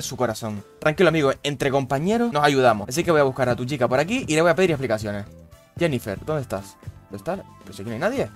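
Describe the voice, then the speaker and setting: A young man, giving casual, swear-heavy commentary over his gameplay with loud, baffled outbursts. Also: mid-range voice. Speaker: gaming youtuber.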